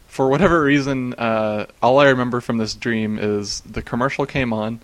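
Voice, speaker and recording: A man's voice: medium pitch, normal speed, no echo. A man in casual chat, recounting strange dreams and often breaking into laughter. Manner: laughs often while telling, many fillers.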